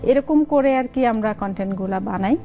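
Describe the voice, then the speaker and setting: A woman's voice: on the high side, normal speed, dull audio, faint music behind. A middle-aged woman with a Noakhali accent, a guest chatting in an interview and acting out family dialogue as she tells stories. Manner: lively storytelling, acts out family dialogue. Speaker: content creator guest. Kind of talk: casual interview talk.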